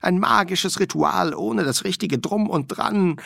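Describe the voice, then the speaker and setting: A man's voice: sits high, a little slow, gravelly, a bit bright, dry recording, studio quality, pitched above the performer's own voice, heavily acted. A man voicing a vain, nagging old wizard dean for an audiobook. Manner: nagging, sneering. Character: whiny vain male wizard dean, older.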